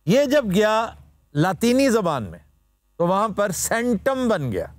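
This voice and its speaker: A man's voice: sits high, very animated, slow pace, no echo, studio quality. A man hosting a TV talk show, explaining where words come from in a lecturing way and using formal vocabulary. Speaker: host. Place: TV studio.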